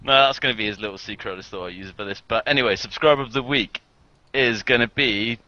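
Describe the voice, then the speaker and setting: A man's voice: medium pitch, quick pace, pushed and bright, no room sound. A man with an English accent hosting a casual group video call, rambling with many fillers and frequent laughs. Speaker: channel host. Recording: dull lo-fi call audio.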